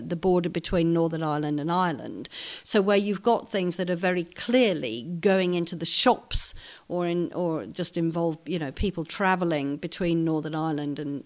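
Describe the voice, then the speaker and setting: Woman diplomat, low-pitched, steady and careful, filler-heavy interview answers. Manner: measured, careful, with frequent fillers. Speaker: ambassador.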